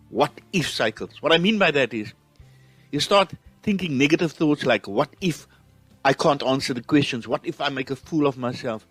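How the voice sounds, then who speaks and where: A man with a South African accent hosts a motivational podcast, sounding earnest and encouraging. His voice is a little high and fairly bright, with no echo.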